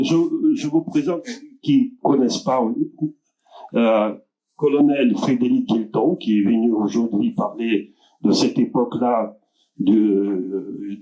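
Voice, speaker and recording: A man hosting a literary evening, introducing the speakers in a halting way, with many filler sounds and restarts. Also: mid-range voice, dark tone. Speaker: event host introducing speakers. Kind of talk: hesitant spoken introduction. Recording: dull lo-fi room recording.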